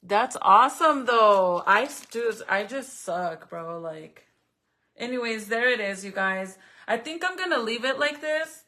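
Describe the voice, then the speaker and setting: Here a vlogger crafts while addressing her audience and commenters with blunt, profane chatter; Spanish is her first language. Her fairly high voice is expressive and sharp-toned, moving a little slowly.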